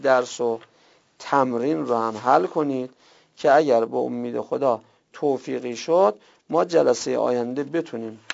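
A man teaching a grammar lesson in a slow, deliberate way, checking his students with rhetorical questions. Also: medium pitch, gravelly. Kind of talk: classroom grammar lecture. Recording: dull lo-fi recording.

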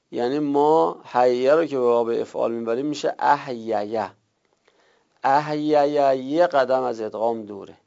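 A man's voice: mid-range voice, creaky, warm tone. A man teaching a grammar class who explains step by step, repeating and rephrasing each rule. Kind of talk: lecture on Arabic verb morphology. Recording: lo-fi muffled recording.

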